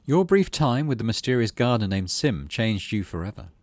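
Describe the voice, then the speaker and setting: With a dramatic, storybook flair and the occasional casual aside, a man reads out a video game's story text. He talks a little fast in a lowish voice, with no room sound.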